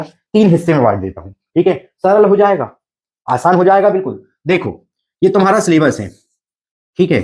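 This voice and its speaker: A man lecturing students in a coaching class, his voice sitting a little high for a man. He keeps asking rhetorical questions and checks again and again that they follow. His delivery is patient and repetitive. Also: a little mellow. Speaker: teacher.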